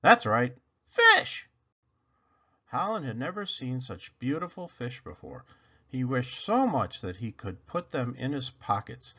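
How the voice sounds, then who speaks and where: This channel's storyteller reads a picture book aloud at a measured pace, his medium-pitched voice bright, forceful, and husky, with big pitch swings. He puts questions to listeners and stresses lines dramatically, though the recording sounds dull and lo-fi.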